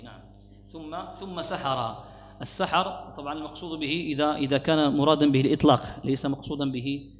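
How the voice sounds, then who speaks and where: Arabic grammar teacher in an echoey hall. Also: male voice, mid-range voice. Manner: repeats key words, pauses often, quotes verses in a slow recitation. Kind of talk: classroom lecture explaining a grammar poem. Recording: echoey hall with faint hum.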